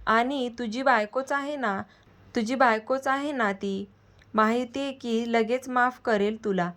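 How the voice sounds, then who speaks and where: A woman voicing a gentle, wise middle-aged aunt who soothes and gently scolds her nephew. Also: fairly high pitch, steady tone, measured pace. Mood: scolding.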